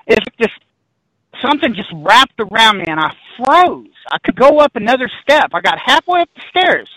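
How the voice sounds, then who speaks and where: A man telling a personal ghost story in a casual chat, rambling and animated, backtracking and laughing as he goes. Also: sits high, no room sound, poor audio.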